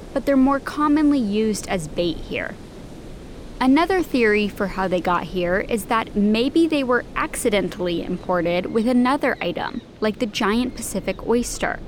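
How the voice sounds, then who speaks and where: A woman producing a podcast, reading scripted narration in a clear, informative way. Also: medium pitch, slight background noise.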